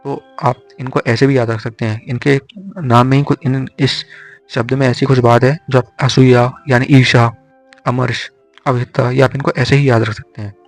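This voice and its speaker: A young man tutoring for an exam, slowly drilling memory tricks syllable by syllable. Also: medium pitch, level tone, no room sound. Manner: slow repetitive drilling of syllables. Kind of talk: explaining Hindi poetics mnemonics. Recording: faint music behind.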